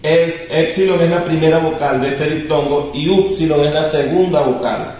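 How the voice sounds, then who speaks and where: A man's voice: fairly high pitch, moderate pace, darkish tone. A man teaching a lesson, patiently explaining and repeating rules. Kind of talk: recorded classroom lesson. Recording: very echoey room, distant mic.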